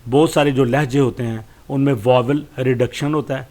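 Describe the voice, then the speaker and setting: A man with a Pakistani accent giving a study lesson. He reads English lines slowly and explains them, pausing often with fillers. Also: mid-range voice, fairly even intonation, a little mellow. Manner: slow, deliberate reading with hesitant fillers. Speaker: lecturer.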